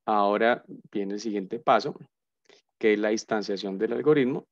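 A man's voice: on the low side, normal speed, no room sound. A man giving a casual live coding lesson as a university lecturer, thinking aloud and humming as he types. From Colombia. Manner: chatty, thinks aloud, hums nonsense while typing. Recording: dull lo-fi sound, dry.

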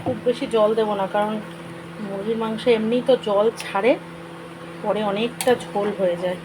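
A woman with a hoarse voice from a cold, chatting casually to viewers in a home vlog from her kitchen. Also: mid-range voice, fairly even intonation, normal speed. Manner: chatty, addresses viewers directly. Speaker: vlogger. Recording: noisy home recording.

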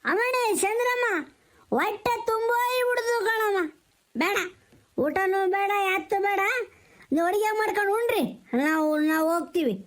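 A man's voice: very high-pitched, normal speed, fairly bright tone. Tipsy village elder, pleading and repetitive, a man acting it out. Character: tipsy middle-aged village elder pleading for family peace.

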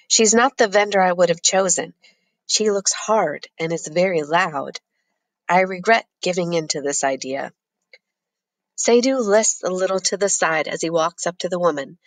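A woman narrating a first-person novel as an audiobook in a steady, measured reading. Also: fairly low pitch, dry recording.

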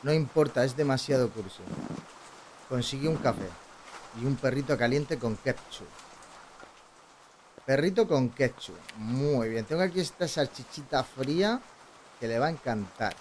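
A man's voice: medium pitch, lively intonation, a little slow, long pauses, a little hiss or hum, rough recording. A man from Spain with a Spanish accent doing playful, casual gameplay commentary, chatting to himself and reading dialogue aloud. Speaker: gaming video host. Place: indoor streaming setup. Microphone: close desk boom microphone.

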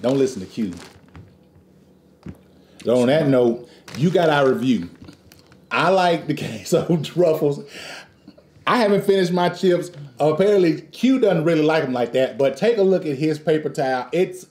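Mellow guy doing a jokey chip review at home, laid back casual chat. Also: a little high, lively intonation, normal speed, long pauses, slight background noise. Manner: joking, playful, chuckles as talking. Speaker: snack review host. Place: living room at home, indoors.

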